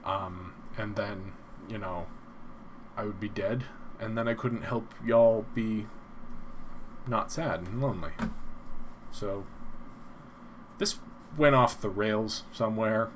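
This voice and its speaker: Soft breathy guy doing a slow old-timey radio announcer thing on a casual livestream, rambly, bit of background noise. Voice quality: soft, low-spoken, breathy. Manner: rambling, self-deprecating. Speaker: live stream host. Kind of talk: casual live-stream chat.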